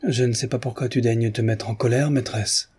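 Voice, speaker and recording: A man reading aloud, voicing a sly, calm peasant woman who speaks quietly and insinuatingly. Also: medium pitch, moderate pace, breathy edge. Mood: falsely humble.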